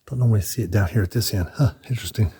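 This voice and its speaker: Low, mellow man narrating a walking tour. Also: rapid-fire, slightly rough. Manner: chatty, thinking aloud with restarts. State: out of breath. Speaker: vlogger touring a building. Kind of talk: casual walking tour commentary. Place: indoor hallways and large rooms.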